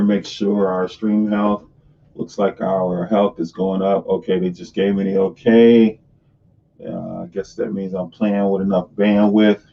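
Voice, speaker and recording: Male stream host, chatty and self-correcting, low-pitched, echoing as if in a cave, recorded on a distant camera mic. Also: warm tone. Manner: chatty and loose, often restarting his sentences. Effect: hollow, cave-like echo. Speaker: host of a live money stream. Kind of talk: casual live-stream chat. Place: home sunroom office. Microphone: camera on top of the computer screen. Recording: distant, dull webcam-mic sound in a hollow room.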